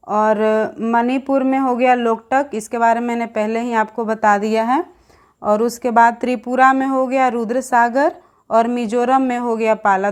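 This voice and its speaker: A young woman teacher, rattling off long lists of names in a quick exam revision lesson and calling her viewers friends. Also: on the high side.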